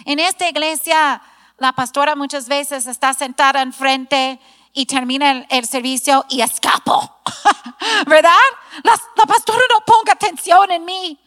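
Middle-aged woman preacher, high-pitched, emphatic, recorded in a reverberant church hall. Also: fairly even intonation, measured pace, fairly bright tone. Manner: earnest, self-deprecating, emphatic preaching. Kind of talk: sermon to a women's gathering.

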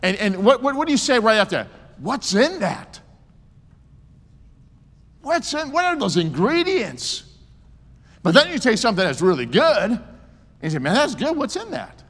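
A man's voice: high-pitched, a bit bright. A man in his sixties preaching a sermon with emphasis and joking asides. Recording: long hall reverb.

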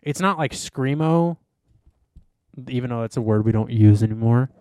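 A young man co-hosts a podcast, speaking at medium pitch and normal speed with no echo. In casual chat he rambles, using lots of fillers and swearing. He's animated throughout, with frequent curse words.

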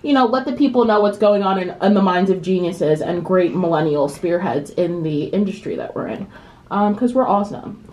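A woman's voice: on the low side, brisk, a little mellow, roomy sound, slight background noise. A young woman co-hosting a podcast in casual group chat, rambling and laughing with lots of restarts. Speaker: podcast co-host.

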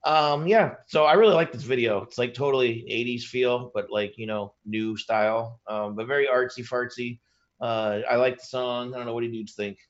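A man's voice: mid-range voice, fairly even intonation, normal speed. Casual male music-show host, easygoing jokey patter, dull lo-fi stream sound. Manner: laid-back, joking, loose with fillers. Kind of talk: casual live-stream chat. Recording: slightly dull lo-fi stream audio.

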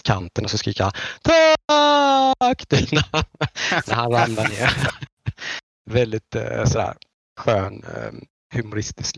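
A man's voice: on the low side, gravelly, slightly rough, no echo. A man from the Nordic countries chatting casually as a podcast host, rambling with many halts and restarts. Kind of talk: casual chat. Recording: dull lo-fi dry recording.

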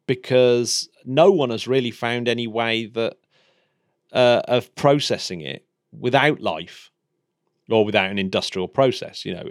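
A man's voice: medium pitch, no room sound, studio quality. A man in a casual science chat, hesitant and hedging, with many restarts. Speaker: podcast co-host.

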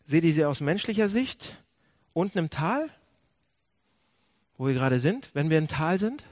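A man delivers a sermon in an animated, questioning way, often stopping to correct a word and start again. His voice sits fairly high and swings widely in pitch. The sound is close and dry, with little room around it. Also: moderate pace, no room sound. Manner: animated preaching, asks the audience questions; restarts and self-corrections. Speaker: pastor. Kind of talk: sermon to a congregation.

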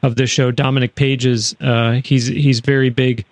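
A man's voice: medium pitch, little pitch movement, measured pace, no room sound. A man hosting a radio interview show, recorded in a studio. He talks in a chatty way, with frequent fillers and restarts.

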